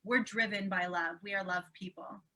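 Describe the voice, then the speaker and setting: Woman, casual chat, enthusiastic, bright forward tone. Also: mid-range voice, fairly even intonation, normal speed. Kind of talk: casual conversation.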